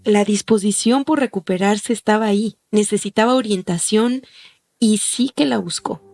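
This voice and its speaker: A woman hosting a podcast, reading a scripted documentary narration in a measured, explanatory way. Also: medium pitch, darkish tone. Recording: faint music behind the voice.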